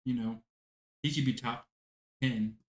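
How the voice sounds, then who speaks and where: A man co-hosting a podcast, chatting casually about basketball rankings, animated and swearing for emphasis. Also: mid-range voice, unhurried. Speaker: podcast co-host. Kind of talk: casual sports chat. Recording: roomy echo.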